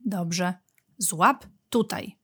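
A woman voicing a steady, helpful father badger in a storybook reading, with a slow, slightly lower delivery. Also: breathy edge, exaggerated voice. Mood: calm.

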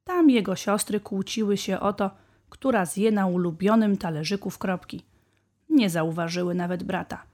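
A woman's voice: medium pitch, normal speed, a little mellow. Woman reading a children's tale. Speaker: storyteller. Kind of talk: scripted narration of a children's tale.

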